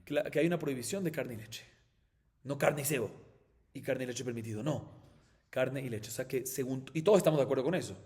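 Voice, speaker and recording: Rabbi teaching Talmud in an echoing hall. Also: male voice, medium pitch, fast, a little mellow. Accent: Colombian Spanish. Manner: explains step by step, asks and answers his own questions. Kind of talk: Talmud class.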